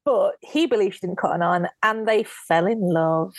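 Lively woman telling history stories. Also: medium pitch, normal speed, no echo. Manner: lively storyteller who acts out quotes. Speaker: guest author and historian. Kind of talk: casual podcast interview.

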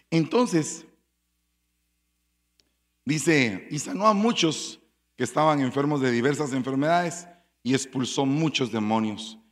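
In a medium-pitched voice, a pastor preaches a sermon full of dramatic storytelling. He swings between sudden loud bursts and quiet asides.

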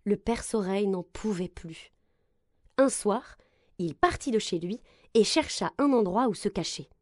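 A woman reads a children's story aloud with expressive, gentle narration. Her pitch rises and falls a lot as she tells it. The sound is dry and close, with no room echo. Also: unhurried.

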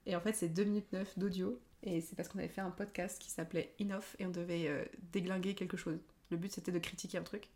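A young woman from France chatting casually as a guest, talkative, laughing often and filling pauses with "euh". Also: fairly low pitch, fairly even intonation, darkish tone. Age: young adult. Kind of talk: casual chat.

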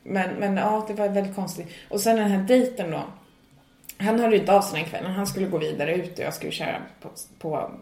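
Animated young woman telling a story. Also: medium pitch. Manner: animated, acts out her own reactions in quoted asides. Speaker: podcast co-host. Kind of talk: casual chat, storytelling. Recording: echoey room.

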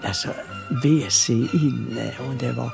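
A woman's voice: a bass voice, creaky, music in the background. An older woman from southern Sweden, a singer being interviewed, telling chatty, rambling anecdotes. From Skåne, southern Sweden. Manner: chatty, lively anecdotes, rambles and laughs easily. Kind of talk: casual storytelling.

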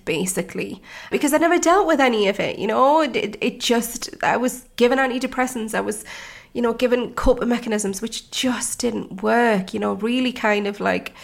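A woman in her thirties hosts her podcast and recounts her life in a candid, reflective way. Her voice sits at a middle pitch with a gravelly, fry-tinged edge. She talks freely, with plenty of fillers and restarts. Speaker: life coach, podcast host. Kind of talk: personal storytelling podcast.

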